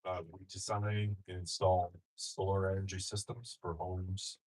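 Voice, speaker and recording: A man from a solar company introducing his business in a halting way, with many fillers. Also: sits low, little pitch movement, darkish tone, rough recording. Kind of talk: short self-introduction.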